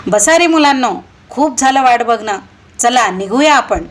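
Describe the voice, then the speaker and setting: A woman's voice: sits high, expressive, a little slow, voice pushed up. A woman voicing an agitated male teacher. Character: agitated middle-aged male teacher organizing a trip.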